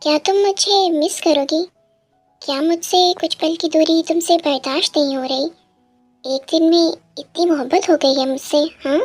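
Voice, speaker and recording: A woman's voice: high-pitched, steady tone, normal speed, soft background music, natural voice. A woman voicing a playful young husband who teases his wife in a storybook tale. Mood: teasing. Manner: teasing, playful. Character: young husband, teasing and affectionate.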